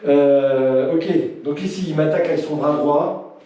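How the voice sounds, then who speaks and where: A man's voice: a little high, a little fast, highs cut off. A man teaching a live self-defense class, explaining techniques and joking casually with his online viewers. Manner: shouts counts loudly, then jokes casually. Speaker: krav maga instructor. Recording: distant mic in echoey room.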